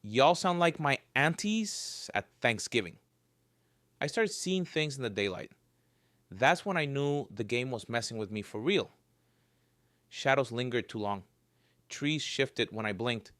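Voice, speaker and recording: A man tells a creepy survival story in the first person, holding onto a dry, joking, darkly humorous edge even at the bleakest moments. His voice is at an everyday middle pitch, a little slow with frequent pauses. The recording is close and dry, without room sound.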